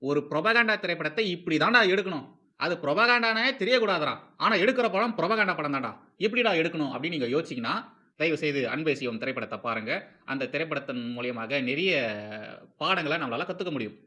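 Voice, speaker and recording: With a voice on the high side, pushed and bright, a film commentary host speaking with a Tamil Nadu accent offers informal, strongly opinionated remarks. He repeats himself for emphasis, throws out rhetorical questions, and blends English phrases into his talk.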